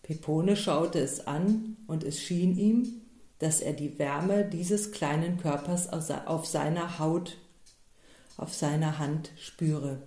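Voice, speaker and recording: A woman reading a story aloud as narrator, in a calm and measured manner. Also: deep voice. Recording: roomy echo.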